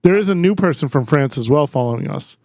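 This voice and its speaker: A young man co-hosting a casual podcast, laughing often through relaxed banter. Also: fairly high pitch, fast, gravelly, no room sound, clean studio sound. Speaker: podcast co-host. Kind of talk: casual chat.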